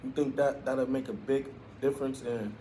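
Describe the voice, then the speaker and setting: An American man with a mid-pitched voice hosts a loose, casual interview. He talks in profane street slang and chimes in with brief agreement, over faint background noise. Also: steady tone, normal speed, dark tone. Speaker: podcast host, interviewer.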